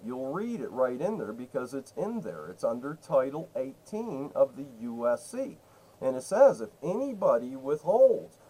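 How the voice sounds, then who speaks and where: On a rough recording, a man with a fairly high, dark-toned voice phones a state senator's office to complain. He insists, repeats his accusations emphatically, and keeps cutting in.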